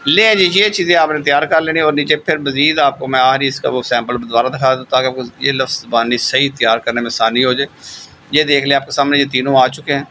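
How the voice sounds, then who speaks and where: A man teaching a German lesson, who says example words slowly, repeats them, and keeps checking in with his listeners. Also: medium pitch, pushed and bright, a little hiss or hum, poor audio. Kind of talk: online language lesson.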